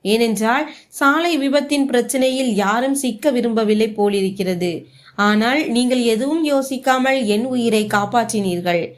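A woman's voice: fairly high pitch, normal speed, natural voice. A woman storyteller voicing a polite, injured young boy giving thanks. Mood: thankful.

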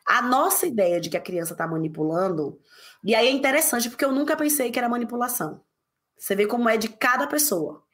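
A woman guest in a casual podcast conversation, telling stories quickly and acting out quotes. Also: fairly high pitch. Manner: animated, quick storytelling with acted quotes.

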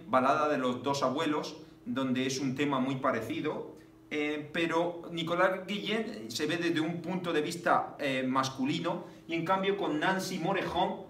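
A man teaching a poetry lesson, speaking haltingly with many fillers and counting syllables aloud. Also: medium pitch, fairly bright tone. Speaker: literature teacher. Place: classroom. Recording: echoey room, distant mic, faint noise.

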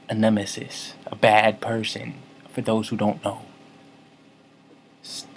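Rambling deadpan comic vlogger man. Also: on the low side, slight background noise. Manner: rambling, self-correcting, mock-serious. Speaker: comedy vlogger. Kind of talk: deadpan comic storytelling to camera.

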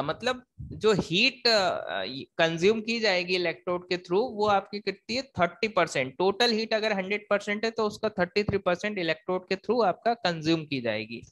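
Lecturing on technical material, this male engineering instructor sounds high-pitched and a bit bright. He asks and answers his own questions, goes over points again, and drops English technical terms into his explanation.

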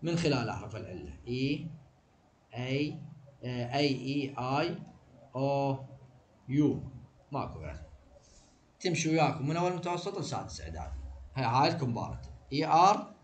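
A man with an Iraqi Arabic accent teaching an exam review, firing quick questions and answering them himself. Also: medium pitch, big pitch swings, a little hiss or hum. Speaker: English teacher.

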